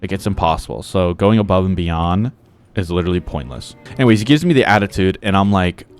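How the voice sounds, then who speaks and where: A man's voice: deep voice, expressive, fast talker, soft background music. A young man telling a long, rambling story about work in a casual way while playing a game, full of filler words. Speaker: gaming vlogger.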